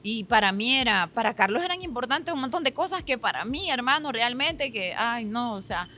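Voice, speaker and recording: A woman's voice: fairly high pitch, normal speed, a little hiss or hum. A woman with a Honduran accent, talking candidly as a podcast guest and acting out the voices of the people in her stories. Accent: Honduran Spanish. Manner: animated storyteller who acts out quoted voices. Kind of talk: candid conversational chat.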